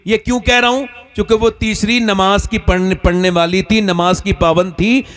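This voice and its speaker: Man, preacher, high pitch, sermon storytelling, rhetorical questions to the crowd. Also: steady tone, moderate pace, fairly bright tone. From northern India.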